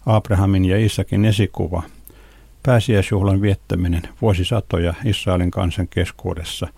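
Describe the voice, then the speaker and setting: Deep gravelly man reading scripture. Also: slight background noise. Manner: calm, measured reading of scripture. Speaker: Bible teacher. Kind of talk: scripted devotional narration.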